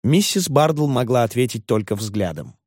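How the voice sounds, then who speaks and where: A man's voice: medium pitch, lively intonation, normal speed, a little mellow, no room sound. Man narrating a classic novel, dry. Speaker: audiobook narrator. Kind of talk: scripted audiobook narration.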